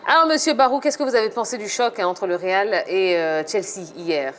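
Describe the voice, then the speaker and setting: A woman hosting a live football debate show, brisk and peppered with fillers. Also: mid-range voice, over a noisy crowd. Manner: brisk, many fillers like "hein". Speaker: host.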